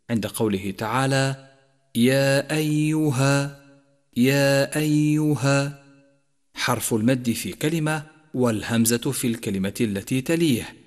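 A man gives a Quran recitation lesson in a steady, mid-pitched voice, explaining each rule step by step. He stretches the example words out in slow, melodic recitation. The recording carries a long reverberant tail. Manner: recites verses slowly and melodically, explains rules in measured voice. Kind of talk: tajweed lesson.

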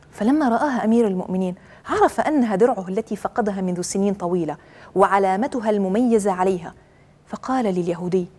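A woman giving a measured, earnest religious talk, telling stories to make her point. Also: medium pitch, a little mellow. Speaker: religious speaker.

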